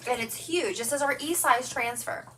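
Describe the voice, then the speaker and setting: A woman's voice: high-pitched, moderate pace, bright, forceful tone. A woman hosting a home craft livestream, chatting with viewers in a bubbly, enthusiastic way. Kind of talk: upbeat livestream sales chat. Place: home, at her craft table. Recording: distant mic with faint room noise.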